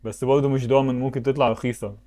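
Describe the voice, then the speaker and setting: A man's voice: mid-range voice, flat delivery, rapid-fire, warm tone. A man with an Egyptian Arabic accent giving casual commentary while playing web games, thinking aloud and breaking into sudden exclamations. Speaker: YouTuber.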